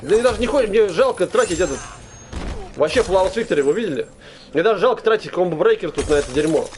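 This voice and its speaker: A man giving casual live game commentary to his viewers, excitable and complaining, with plenty of swearing. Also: high voice, quick pace, a little hiss or hum. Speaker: game streamer.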